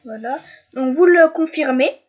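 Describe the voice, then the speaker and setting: A young French YouTuber, stuffy with a head cold, walks viewers through a screen-recorded tutorial. Her high voice has a darkish tone, and she stumbles, pausing on fillers and restarting sentences, all through a dull, lo-fi home mic.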